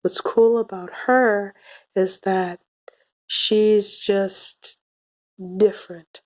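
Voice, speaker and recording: Young female reviewer, soft and slightly cracked from illness, mellow tone, unhurried delivery. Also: mid-range voice, fairly even intonation. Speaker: video reviewer. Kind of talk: casual anime review to camera. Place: small room indoors. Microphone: phone or webcam at arm's length.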